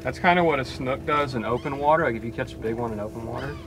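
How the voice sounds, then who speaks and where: A man's voice: mid-range voice, fast, fairly bright tone, a little hiss or hum. A man guiding a fishing trip, casually explaining how fish behave, outdoors on a boat. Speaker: fishing charter captain. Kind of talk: casual chat while fishing.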